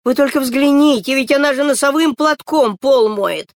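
A woman voicing a fussy mother who exclaims in dismay at her daughters, a little higher than her own voice. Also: moderate pace, no echo, clean studio sound. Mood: exasperated. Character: fussing exasperated mother of two girls.

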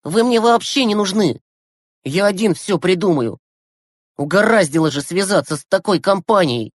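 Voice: mid-range voice, lively intonation, normal speed, dry recording, clean studio sound, voice pushed up, close to an everyday voice. A reader voicing a cocky, hot-tempered sixth-grade boy who lashes out sarcastically in an audiobook. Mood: angry. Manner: brash, sarcastic outbursts. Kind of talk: audiobook character voice.

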